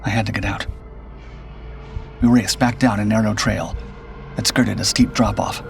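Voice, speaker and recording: A male horror narrator delivers a scripted first-person suspense story in a grave, measured manner. His low, gravelly voice has vocal fry and very even intonation, with music clearly audible behind him.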